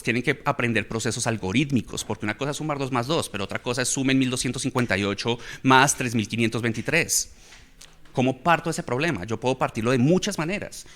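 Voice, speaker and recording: A man's voice: mid-range voice, a bit bright. A man holding forth in an easy conversational talk, unpacking how children build skills through play. He explains step by step and keeps checking in with his listeners as he goes. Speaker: guest speaker on education.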